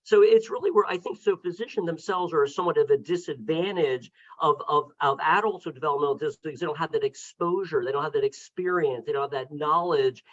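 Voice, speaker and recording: A man, a neurologist speaking on a webinar panel, who talks haltingly with many restarts and repeated words. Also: fairly high pitch, fairly bright tone, dull audio. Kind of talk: casual panel discussion.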